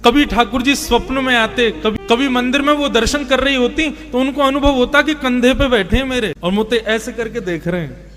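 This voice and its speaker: A man narrating a devotional story in an expressive, reverent way. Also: extremely high pitch, moderate pace, faint music behind.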